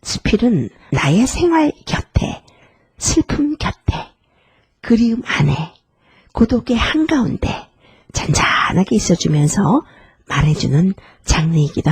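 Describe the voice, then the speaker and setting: A middle-aged woman hosts a literary podcast and talks gently and earnestly about an essay. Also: no echo. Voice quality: breathy, husky, with some vocal fry. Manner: gentle, earnest, lets the pitch rise and fall widely. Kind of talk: reflective talk on an essay.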